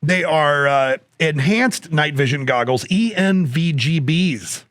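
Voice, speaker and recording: A man co-hosting a casual chat podcast, his voice sitting fairly high for a man. He jokes, rambles and slips in sales plugs. The sound is close and dry, with no room around it. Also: slow, a bit bright, dry recording. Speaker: podcast co-host.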